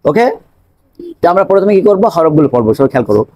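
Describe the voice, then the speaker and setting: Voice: mid-range voice, sing-song, rapid-fire, a little mellow, slight background noise. A teacher leads a classroom pronunciation drill. The teacher asks questions and answers them, repeating each letter sound several times. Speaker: Quran recitation teacher.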